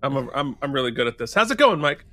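A man's voice: medium pitch, big pitch swings, fast, sharp tone, a little hiss or hum. A man in his forties co-hosting a podcast, chatting casually, playful and joking as he reads out listener ratings. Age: 40s. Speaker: podcast co-host.

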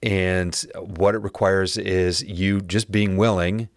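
A man hosting his podcast alone, speaking in an earnest, encouraging way with a raspy voice today. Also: low voice, fairly even intonation, takes it slowly, no room sound. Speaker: podcast host. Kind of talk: solo podcast monologue.

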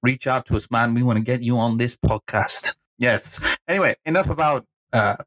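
Male podcast host, enthusiastic and chatty, mid pitch. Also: moderate pace, a bit bright. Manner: chatty, enthusiastic, many restarts. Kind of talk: casual football podcast talk.

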